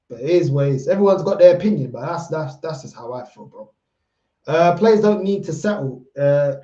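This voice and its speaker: A football livestream host from London, speaking in a roadman accent (multicultural London English), answers viewer comments in casual chat. His voice is on the high side with a dark tone, the recording muffled, and his talk is slangy, repetitive, and emphatic.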